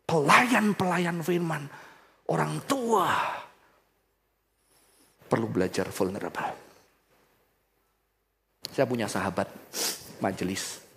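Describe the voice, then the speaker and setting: A man preaching a sermon, swinging between soft low passages and loud, high emphatic bursts, and addressing the congregation directly. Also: expressive, slow pace, creaky, long pauses, in a large hall, slight background noise. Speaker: pastor.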